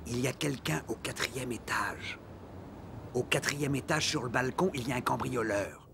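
An actor playing a sardonic male police inspector, whispering a hushed, disguised anonymous call from a payphone. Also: medium pitch, normal speed, vocal fry, close to an everyday voice. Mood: hushed urgent. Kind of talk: dubbed TV crime drama. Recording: noisy background hiss.

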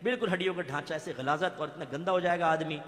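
A man's voice: on the high side, quick pace, a bit bright. A male preacher giving an emphatic, vivid sermon, pushing his voice up to stress his points. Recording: echoey hall with long reverb.

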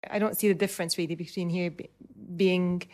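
A woman in her thirties from Dubai, an urban planner answering interview questions in a measured way, pausing with ums and restarting phrases. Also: lowish voice, steady tone, a little mellow.

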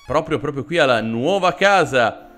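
A man with a sore throat giving sarcastic, animated commentary while playing a video game. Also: medium pitch, normal speed, soft background music. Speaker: let's play host. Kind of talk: gameplay commentary.

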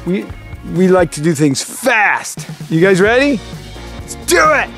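Unhurried and sing-song, a high-sitting male voice talks over music. It's a playful, joking dad in his forties, filming his family's camping trip at an outdoor wooded campsite on a handheld camera held at arm's length.

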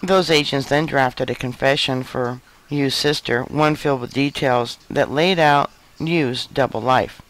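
A man giving a scripted news narration in an even, measured read. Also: medium pitch, low-quality recording. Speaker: news reader.

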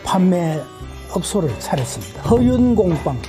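A woman's voice: fairly low pitch, sing-song, moderate pace, music in the background. A middle-aged woman, chatting and explaining things casually on a local talk show. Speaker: local resident, woodcraft shop owner.

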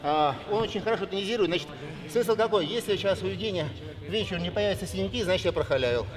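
A man's voice: high voice, animated, fast talker, crowd noise. A man giving short, plain step-by-step instructions as he demonstrates a technique. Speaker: massage therapist demonstrating. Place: large echoing sports hall. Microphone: camera a few meters away. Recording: echoey hall, loud background noise.

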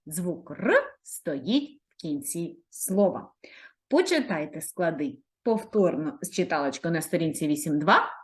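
A woman's voice: sits low, big pitch swings. A woman primary school teacher giving a video reading lesson to young children, drawing words out and encouraging them. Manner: drawn-out, sing-song words for children.

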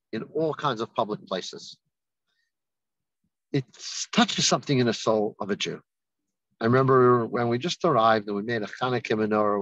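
A man giving a rabbi's holiday message, telling a story in an unhurried way and lifting his voice for the people he quotes. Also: mid-range voice, a bit bright, no echo, dull audio. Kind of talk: sermon with storytelling.

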